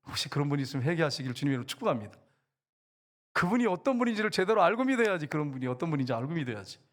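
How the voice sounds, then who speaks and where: A man preaching a sermon as a church pastor, animated, with loud exclamations and quiet asides. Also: on the high side, very fast. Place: church sanctuary.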